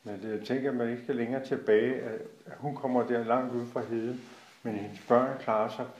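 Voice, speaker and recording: A man's voice: mid-range voice, steady tone, a little mellow. A middle-aged Danish man in casual family chat, asking questions and musing aloud. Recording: echoey room.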